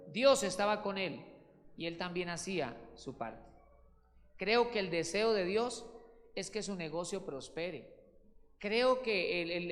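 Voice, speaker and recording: A man's voice: high voice, fairly bright tone, long reverb tail. A male pastor, preaching a sermon with emphatic swings of voice and calling listeners brothers. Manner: emphatic preaching, voice rising and falling widely.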